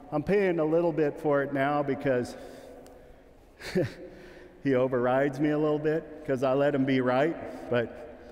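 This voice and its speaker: In a large indoor arena with long, echoing reverb, a middle-aged man gives a casual, joking live sheepdog training demonstration, calling commands out to his dog. His voice is fairly high-pitched with a darkish tone.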